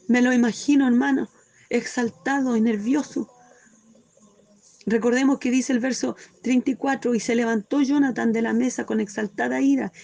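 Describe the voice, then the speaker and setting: A woman's voice: a little high, vocal fry, darkish tone. A woman teaching a Bible study sermon, reading scripture aloud and explaining it fervently, often asking "cierto?" and breaking into praise.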